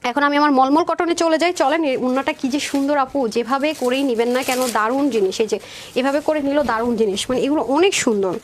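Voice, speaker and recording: Lady doing a live dress sale, high voice, talks super fast and chatty. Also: a little hiss or hum. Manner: rapid chatty sales pitch, addresses viewers as sisters. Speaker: online clothing seller. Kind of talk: live sales presentation.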